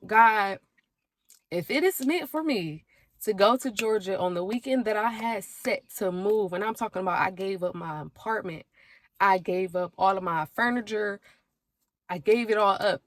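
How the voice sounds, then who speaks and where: A young woman talks straight to her camera, emotional and animated as she tells her story. Her voice sits in a middle range and the sound is close and dry, with no room around it. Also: mid-range voice, no room sound. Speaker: vlogger. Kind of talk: casual chat to camera.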